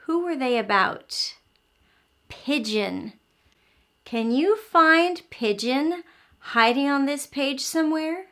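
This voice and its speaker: Reading aloud to young children, this woman hosts an early learning show and tells the story with expression, pausing to explain as she goes. Her voice sits high and is fairly bright and expressive, delivered at a slow pace.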